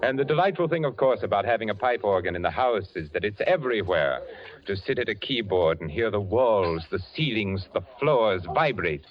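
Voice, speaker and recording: An actor playing a cultured, eccentric rich widower in a 1940s radio drama, speaking in a suave, courtly way with soft chuckles. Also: male voice, on the low side, animated, brisk, natural voice. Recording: muffled 1940s radio broadcast with organ music.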